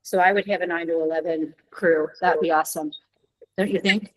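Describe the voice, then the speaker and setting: A woman discussing event planning informally at a meeting, halting often to find her words. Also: fairly low pitch, steady tone, poor audio. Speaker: event organizer at a board meeting.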